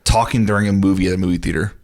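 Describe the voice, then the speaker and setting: A man's voice: low-pitched, steady tone, racing, vocal fry, a little mellow. Blunt, cursing young man telling stories. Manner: blunt, profane storytelling. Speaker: podcast co-host. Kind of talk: casual chat.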